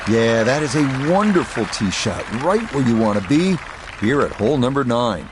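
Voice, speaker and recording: A man performing as a lead golf commentator, giving measured, polished play-by-play for a video game broadcast. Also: mid-range voice, sing-song, noisy background, natural voice. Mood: composed. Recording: music and crowd behind. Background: music and crowd.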